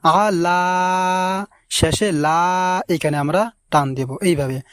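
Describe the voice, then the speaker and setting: A man teaching recitation, stretching each word slowly and repeating it, with quicker explanations between. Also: a little high, no room sound. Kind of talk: recitation lesson.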